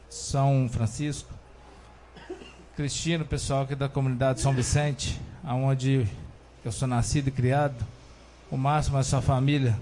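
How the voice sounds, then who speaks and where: A man's voice: medium pitch, darkish tone, a little hiss or hum. Plainspoken councilman in a council chamber. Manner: formal greetings, plainspoken. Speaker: city councilman. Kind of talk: council floor speech.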